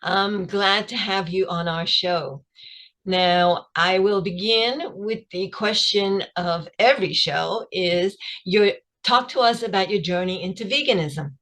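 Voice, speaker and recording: A woman hosts a podcast and opens with an upbeat, scripted welcome. She then keeps the talk moving with brief questions. Her voice is at a middle pitch. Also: a little slow, fairly bright tone. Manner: upbeat scripted introductions, short prompts. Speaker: podcast host. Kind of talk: podcast interview hosting.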